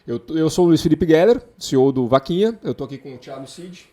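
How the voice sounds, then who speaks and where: A male podcast host talks quickly in a relaxed interview format. His accent is southern Brazilian, from Porto Alegre, and his phrasing is conversational. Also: on the high side. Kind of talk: casual interview chat.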